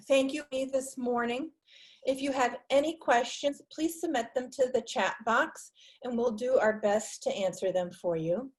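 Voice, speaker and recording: A woman's voice: a little high, a little mellow. Woman, New York accent, webinar presenter, businesslike, some ums and restarts, video call audio.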